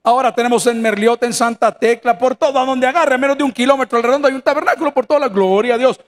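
Speaking fast in a very high voice, a man with a Salvadoran accent preaches from a church sanctuary. The pastor keeps his sermon folksy and humorous, imitating the people he quotes.

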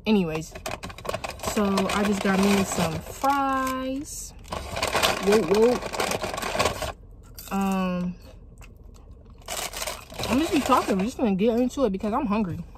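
A young woman hosting a casual food vlog from inside her car, chatting to viewers in a relaxed, slangy way. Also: mid-range voice, takes it slowly, pauses often, heavy background noise. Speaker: vlogger.

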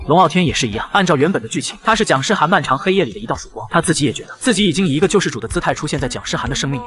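Guy reading a web novel super fast, kinda high voice, playful. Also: fairly bright tone. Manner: rapid, playful storytelling with voiced dialogue. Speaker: narrator.

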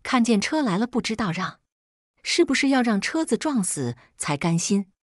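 A woman's voice: medium pitch, sing-song, moderate pace, a little mellow, husky, no room sound, studio quality. A woman voicing a domineering, hot-tempered middle-aged mother who scolds shrilly in a raised voice. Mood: furious scolding.

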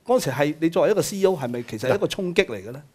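A man's voice: on the high side, animated, racing, darkish tone, husky. A man, an interviewer laying out a long, argued question step by step. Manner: argumentative, builds a case step by step.

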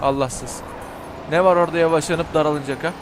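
A young Turkish man giving let's play commentary over a racing game, excitable, shouting and cursing at rival cars. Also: a little high, brisk, background noise. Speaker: gaming YouTuber.

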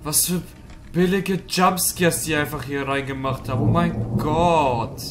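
A man's voice: a little high, fairly even intonation, unhurried, noisy background. A man in his twenties doing let's play commentary as a scared horror game streamer, easily startled and prone to swearing. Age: 20s. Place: small room indoors.

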